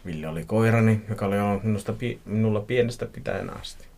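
A podcast host reading a listener's horror story aloud, playful and joking between passages. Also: male voice, on the low side, vocal fry, darkish tone. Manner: playful, laughs at his own reading.

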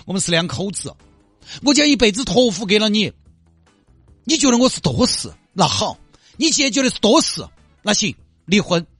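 A man's voice: sing-song, moderate pace, long pauses, a bit bright, husky, no room sound, faint music behind, full character voice. A man voicing a quarrelsome young wife who nags and scolds with a Sichuanese accent. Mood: defiant. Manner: shrill, scolding, argumentative. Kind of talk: comedy sketch acting.

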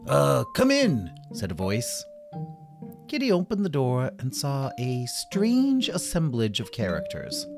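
A man hosting a podcast and narrating a children's story in an animated, playful way. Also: medium pitch, measured pace, music in the background.

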